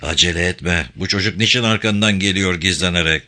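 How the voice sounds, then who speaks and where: A man's voice: fairly quick, sharp tone. Man doing Cemal Usta, gold-toothed stonemason. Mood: teasing. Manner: teasing, paternal, low-pitched. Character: jovial gold-toothed middle-aged male stonemason.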